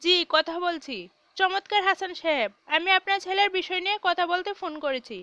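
A woman's voice: extremely high pitch, animated, moderate pace, sharp tone, dry recording, highs cut off, heavily acted. A woman voicing a hesitant female kidnapper's accomplice who mumbles and falters on the phone. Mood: businesslike.

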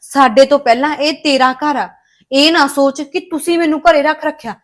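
A woman's voice: high-pitched, fairly quick, natural voice. An actress with a Punjabi accent playing a caring, protective woman who talks earnestly and insistently. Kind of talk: Punjabi web drama acting.

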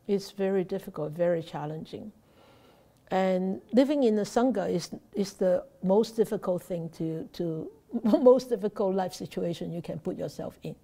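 A middle-aged Buddhist nun from Hong Kong with a Hong Kong accent, giving a slow, halting Dharma talk with many restarts, recorded on a laptop webcam in a temple shrine room. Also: female voice, mid-range voice, warm tone, breathy edge.

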